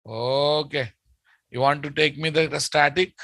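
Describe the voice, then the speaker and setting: An Indian man with a Telugu accent lectures students on programming. His voice is bright, hard-edged and a little high, captured close and dry. He drives points home by repeating them and firing questions at his listeners. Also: fairly even intonation, a little slow, gravelly, dry recording. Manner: emphatic, repeats statements and quizzes listeners. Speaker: programming teacher.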